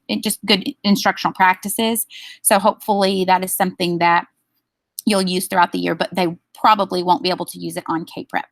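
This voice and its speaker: A woman leads a staff training session and walks through the rules at an even, explanatory pace, with plenty of ums. Her mid-pitched voice has a gravelly edge. The sound is dry and close. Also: no echo. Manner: explanatory, steady, with frequent ums.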